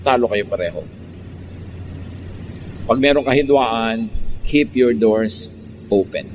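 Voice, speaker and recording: A Filipino-accented pastor delivers a sermon, mostly slow and measured, then jumps into animated imitations of people arguing. His medium-pitched voice rings in a big hall with a long echo. Faint street noise sits underneath. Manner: switches between calm, slow teaching and sudden lively mock-quotes.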